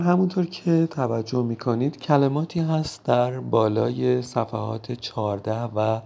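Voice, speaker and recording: Gravelly-voiced man teaching vocabulary. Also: medium pitch, darkish tone, highs cut off. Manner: slow, repeating words for pronunciation drill. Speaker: German language teacher. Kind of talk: vocabulary lesson.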